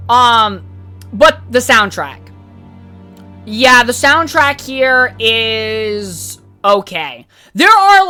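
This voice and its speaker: A woman's voice: mid-range voice, pushed and bright. A woman hosting a podcast, giving a casual, opinionated review in a rambling, candid way, with lots of fillers and some swearing. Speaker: podcast host reviewing a video game.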